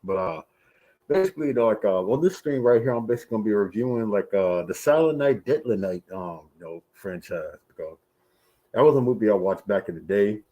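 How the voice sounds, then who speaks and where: Speaking a little fast in a warm, lowish voice, a man rambles animatedly through a casual movie review stream. His mask muffles the sound, the recording is rough, and he keeps dropping fillers like "you know" and "right here."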